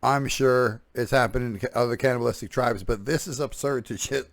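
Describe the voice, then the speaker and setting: A man's voice: medium pitch, fairly quick, dry recording. A man giving a sarcastic, profane reaction commentary on a podcast clip, sounding exasperated.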